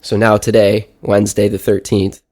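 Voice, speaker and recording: A man's voice: on the low side, little pitch movement, normal speed, a little mellow. Congested man, nose sounding pinched shut. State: sick with a stuffy head cold. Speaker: podcast segment host. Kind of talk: casual personal audio diary.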